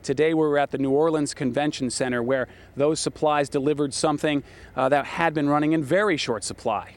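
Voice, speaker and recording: A man delivering scripted television news reporting with measured, dramatic emphasis. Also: on the high side. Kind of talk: scripted broadcast news narration.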